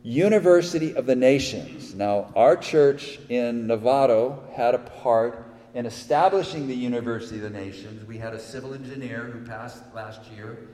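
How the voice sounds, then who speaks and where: A man's voice: medium pitch, moderate pace, warm tone. An older man preaching a sermon in a church, rambling with many fillers and rising to emphatic peaks. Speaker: pastor. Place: church hall. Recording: echoey hall with long reverb.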